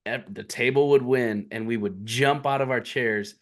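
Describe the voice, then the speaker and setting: A man's voice: medium pitch, normal speed. A man co-hosting a podcast in casual chat, laid-back, filling in and correcting details of the story. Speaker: podcast co-host.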